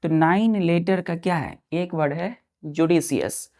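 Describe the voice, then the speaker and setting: A woman teacher takes a classroom lesson very slowly, spelling out each word letter by letter. Her voice sits a little low, and she patiently repeats herself and counts aloud for her pupils. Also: warm tone.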